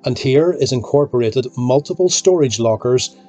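A man reading scripted documentary narration in a measured, explanatory way. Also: mid-range voice, animated, dark tone. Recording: voice-over with faint music behind.

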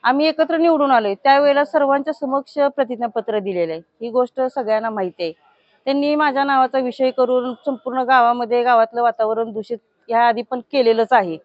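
A woman village head from Maharashtra speaks to news reporters in a high voice, indignant and forceful. The sound is dry and dull, a lo-fi news recording. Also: dry recording. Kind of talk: statement to news media.

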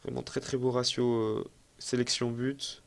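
A young gaming YouTuber provides let's-play commentary on a football management game, casual and excitable, chatting and poking fun at himself as he thinks aloud. His mid-range voice is gravelly and a little slow.

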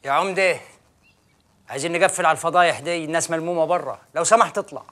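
Actor playing a stern, bright-voiced village sheikh. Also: male voice, on the high side, racing, close to an everyday voice. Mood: reproachful. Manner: reproachful, insistent. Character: stern self-righteous village sheikh, adult man. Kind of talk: television drama acting.

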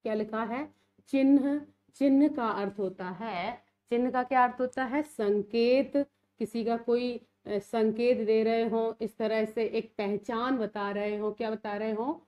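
A woman's voice: on the high side, fairly even intonation, a little slow, mellow. Woman teaching an exam-prep lesson. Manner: repeats key words as questions.

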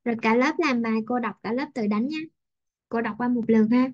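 A woman teaching English pronunciation to a class online, reading out word lists slowly and explaining how to stress each syllable. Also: on the high side, dull audio. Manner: slow, drawn-out word-by-word dictation.

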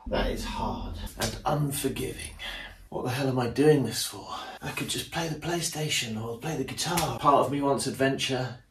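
A man's voice: mid-range voice, moderate pace, background noise. A man in his forties with a London accent, vlogging casually from his home, rambling and self-deprecating as he films himself on a phone at arm's length. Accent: British English (London). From England. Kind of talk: casual self-filmed vlog. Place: home rooms, indoors. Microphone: phone camera at arm's length.

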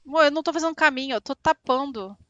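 A woman co-hosting a casual gameplay livestream, chatting quickly with her partner and the chat. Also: sits high, pushed and bright, no echo, highs cut off. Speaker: streamer, co-host.

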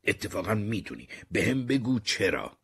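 A man reading as a husky, lecturing jailed crook. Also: fairly low pitch, sing-song, pitched above the performer's own voice, exaggerated voice. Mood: probing. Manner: lecturing, pushy. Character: jailed male criminal, talkative, scheming.

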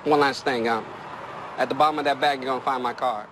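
An actor playing a kindly pastor who speaks gently and patiently to a stranger, recorded outdoors with faint street noise. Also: male voice, mid-range voice, steady tone, quick pace, natural voice. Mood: gentle. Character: kindly male pastor offering chili to a stranger.

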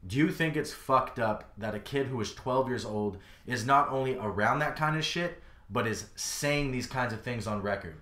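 A man's voice: mid-range voice, normal speed. A man hosting a casual podcast, steering the talk with questions and opinions. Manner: steady, leads the discussion with questions. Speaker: podcast host. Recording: roomy echo.

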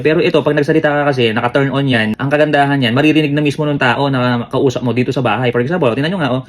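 A middle-aged Filipino man delivers a casual sales pitch. His voice sits at an average pitch. He moves along briskly, addressing viewers as a product reviewer.

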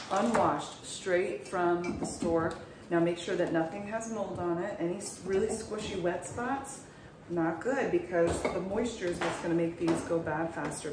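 A vlogger in her thirties with a lowish voice puts groceries away in her kitchen at home, chatting to camera and asking her viewers questions. It's filmed on a handheld phone she often sets down at a distance, leaving the audio noisy and echoey with the mic far off.

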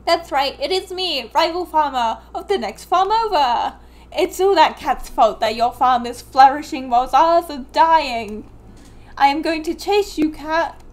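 A woman's voice: high-pitched, animated, unhurried. A woman voicing a grumpy rival farmer who blusters and accuses. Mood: accusing.

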